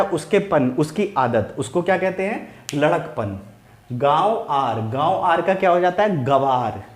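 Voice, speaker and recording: A man with a slightly raised pitch teaching a Hindi grammar lesson straight to the viewer. He repeats each example slowly, several times over. He asks his own questions and answers them himself. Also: roomy sound. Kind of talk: explaining lesson to camera.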